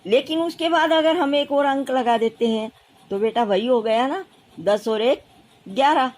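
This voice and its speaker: Woman teacher, classroom math lesson, unhurried, counts aloud, slightly high voice. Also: darkish tone. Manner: patient, repeats and counts aloud slowly for children. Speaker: primary school teacher.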